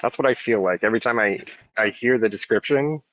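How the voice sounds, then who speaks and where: A man in casual group chat who sounds like he is on speakerphone, asking hesitant, halting questions over a phone call. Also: lowish voice, fairly bright tone, no room sound.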